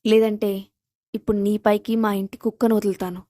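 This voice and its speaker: A woman voicing a calm, defiant young wife who speaks in a cool, unbothered way. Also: mid-range voice, a little fast, dry recording, studio quality, lightly acted. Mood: cool threat.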